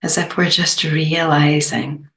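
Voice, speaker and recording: Speaking in a low register with a steady tone, a woman leads a guided meditation. She is gentle and unrushed, letting long pauses fall between her short phrases.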